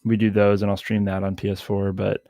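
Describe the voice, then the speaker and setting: A man chats casually as a podcast guest. His voice is low and gravelly, and the sound is dry and close. He trips over his words and leans on fillers. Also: completely flat delivery, dark tone, no room sound. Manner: halting, filler-heavy, laughs easily. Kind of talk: casual chat.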